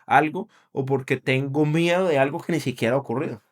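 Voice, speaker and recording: A man's voice: mid-range voice, brisk. A middle-aged man co-hosting a faith podcast, speaking earnestly and thinking aloud, often checking in with his listener. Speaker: podcast co-host. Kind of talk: casual faith podcast chat.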